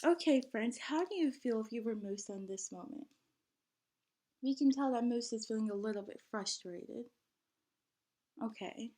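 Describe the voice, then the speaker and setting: With a fairly high pitch, a woman reads a picture book to little children in a lively, teacher-like manner. She pauses to put questions to her young listeners.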